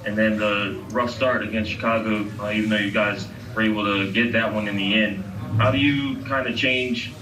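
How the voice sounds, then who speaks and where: A man's voice: on the low side, fairly even intonation, normal speed. A man reporter asking long, detailed questions at a press conference. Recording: roomy and distant, noisy.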